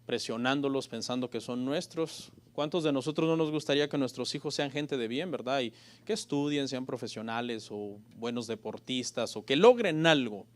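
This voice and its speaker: A man preaching a church sermon as pastor, often calling his listeners brothers and moving between loud emphatic peaks and quiet asides. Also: medium pitch, normal speed. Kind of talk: Spanish-language church sermon.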